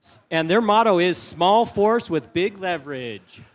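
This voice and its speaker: High-pitched male game announcer. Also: lively intonation, a little slow. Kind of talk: live announcing of competition team introductions.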